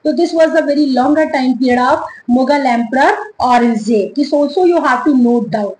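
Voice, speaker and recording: A woman with an Indian English accent teaching an online history lesson, slowly dictating and repeating dates and names for students to note down. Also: high voice, a little mellow, reverberant, slight background noise, poor audio.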